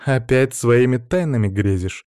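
A man's voice: medium pitch, measured pace, a little mellow, smooth, no echo, clean studio sound, close to an everyday voice. A man voicing a young woman, a sister who talks in a teasing, mocking way.

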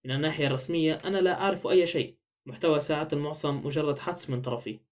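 Man voicing a calm, shrewd detective. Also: fairly high pitch, rapid-fire, close to an everyday voice. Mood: gentle. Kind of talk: audiobook character voice.

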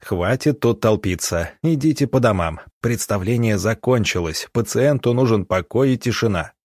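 A man's voice: fairly low pitch, lively intonation, moderate pace, a little mellow, no echo, studio quality. A man voicing a tired young country doctor who gives short, commanding orders. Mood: tired, curt.

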